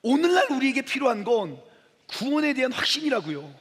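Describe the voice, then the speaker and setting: A man's voice: very high-pitched, brisk, slightly rough. A middle-aged man preaching at a youth camp, acting out dialogue scenes with the crowd. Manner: animated, acts out dialogue with the audience. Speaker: pastor. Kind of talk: lively youth camp sermon with acted skits. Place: large hall. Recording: long hall reverb.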